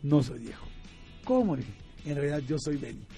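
Mexican man, high voice, animated storyteller, laughs a lot, faint music behind. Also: brisk. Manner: animated, laughs often, acts out quoted voices. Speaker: guest. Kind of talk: casual storytelling.

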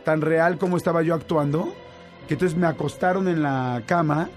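Animated Mexican man telling a story. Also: a little high, moderate pace, faint music behind. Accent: Mexican Spanish. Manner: animated, with many fillers and restarts. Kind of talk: casual storytelling chat.

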